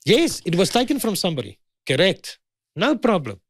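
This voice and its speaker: A man's voice: sits high, huge pitch swings, normal speed, no echo, studio quality. A South African man in his fifties, a guest in a heated conversation, pressing and repeating his points. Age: 50s.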